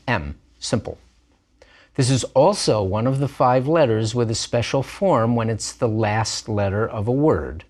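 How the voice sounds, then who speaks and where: A man's voice: medium pitch, darkish tone. A man teaching a language lesson, explaining letters patiently and step by step. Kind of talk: recorded lesson narration.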